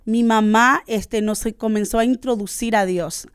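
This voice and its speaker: A Honduran woman with a smooth, resonant voice tells her life story as a radio guest, earnest and searching for her words. The sound is dry and close, as in a small studio. She speaks with a Honduran Spanish accent. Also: on the high side, fairly even intonation, a little slow, no room sound. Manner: earnest, searching for words with many "este" fillers.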